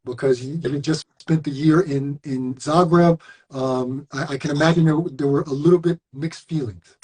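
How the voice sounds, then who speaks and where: A man hosting a podcast and interviewing a guest in a relaxed, encouraging way. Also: a little high, normal speed, husky, low-quality recording. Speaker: podcast host. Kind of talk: casual interview.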